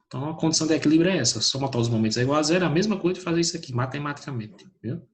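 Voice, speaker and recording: A man's voice: fairly high pitch, rapid-fire. Man teaching physics online. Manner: lively, calls out students by name, asks questions and answers himself.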